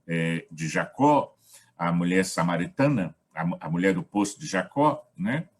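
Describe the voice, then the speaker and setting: A man with a Brazilian accent facilitating a gospel study, talking in a measured, reflective way in short phrases. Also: lowish voice, breathy edge. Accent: Brazilian Portuguese. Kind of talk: reflective spiritual talk.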